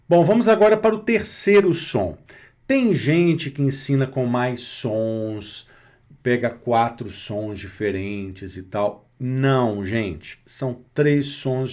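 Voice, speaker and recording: A Brazilian man teaching French pronunciation, slowly repeating each word and checking in with short tag questions. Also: mid-range voice, darkish tone. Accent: Brazilian Portuguese. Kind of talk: pronunciation lesson over slides.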